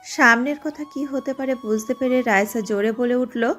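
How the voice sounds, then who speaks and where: A woman giving steady, scripted narration of an audio drama. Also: on the high side, moderate pace, faint music behind. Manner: steady storytelling.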